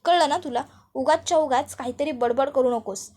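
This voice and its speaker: A woman's voice: sits high, moderate pace, a little mellow, natural voice. A woman reading a firm young groom. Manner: firm, scolding. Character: earnest young groom, annoyed with a rival.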